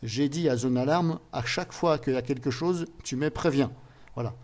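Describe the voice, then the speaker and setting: A man narrating a screen-recorded software tutorial in a casual way, thinking aloud with frequent pauses and little filler words. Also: medium pitch. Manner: casual, fills pauses with "voilà" and "hop"; thinks aloud, restarts and hesitates.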